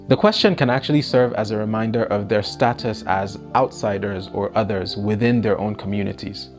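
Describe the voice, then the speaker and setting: A man narrating a reflective video essay in a measured, scripted voice-over. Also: on the low side, a little mellow. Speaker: host narrator.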